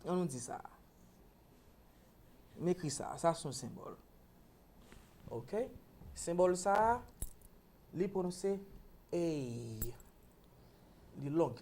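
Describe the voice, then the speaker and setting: A woman's voice: deep voice, lively intonation, slow pace, pauses often, mellow. A Haitian woman teaching English pronunciation on a talk show, explaining patiently and checking in with a repeated "ok?".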